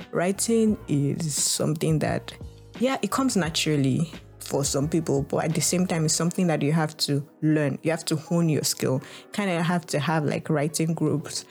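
Low-pitched, slightly mellow, and marked by vocal fry, a young Nigerian woman speaks in Nigerian-accented English on her podcast. The monologue wanders casually and reflectively, packed with "like" and restarts.

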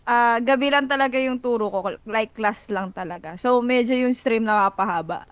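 A woman's voice: on the high side, moderate pace, clear, resonant tone, no room sound. A woman fitness coach chatting casually and frankly on a livestream, laughing often.

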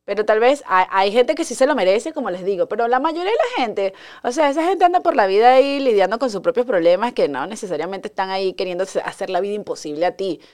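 A woman's voice: medium pitch, lively intonation, quick pace, hardly any pauses. A woman, chatting casually and confidingly as a podcast host. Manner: chatty and confiding, reads friends' messages aloud. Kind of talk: casual solo podcast chat.

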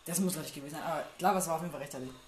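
Jumpy young gamer muttering in an echoey room. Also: male voice, on the high side, rapid-fire. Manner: jumpy, swearing under his breath, muttering to himself. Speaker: gamer playing a horror game. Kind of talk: casual let's-play commentary. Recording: echoey room with noticeable noise.

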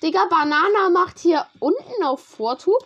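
Excitable high-voiced young woman gamer. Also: normal speed, dull audio. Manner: excitable, slangy, talks to a teammate while playing. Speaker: gamer streamer. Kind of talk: casual gaming commentary.

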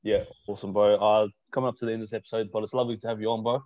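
A man's voice: on the low side, flat delivery, rapid-fire, a little mellow. A man hosting a casual, slangy interview. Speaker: podcast host. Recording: slightly dull call audio.

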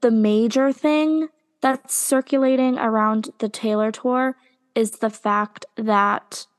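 A young woman co-hosting a casual podcast chat, talking with lots of ums and pauses. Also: a little high, steady tone, clear, resonant tone. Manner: chatty, hesitant with many ums. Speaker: podcast co-host.

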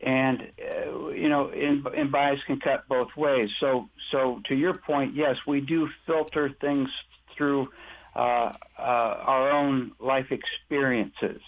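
A male expert guest on an interview talk show, explaining his methods step by step and often restarting his sentences. His voice sits at a middle pitch. He comes through a thin, tinny phone line. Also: steady tone, slow pace. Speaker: guest, deception-detection expert. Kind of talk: conversational interview.

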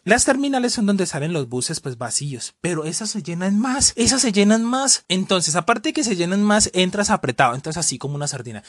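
A woman's voice: fairly low pitch, fairly quick, few pauses, no room sound, studio quality. A woman with a Colombian accent from Cali, ranting comically to camera as a vlogger, complaining and imitating sounds and passengers. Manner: animated, complaining, mimics sounds and bus passengers. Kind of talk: casual comedic rant to camera.

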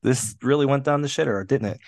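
A man's voice: mid-range voice, a little fast, darkish tone, no room sound, clean studio sound. A man co-hosting a podcast, chatting casually in a rambling, self-deprecating way, often laughing. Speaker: podcast co-host. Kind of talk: casual chat.

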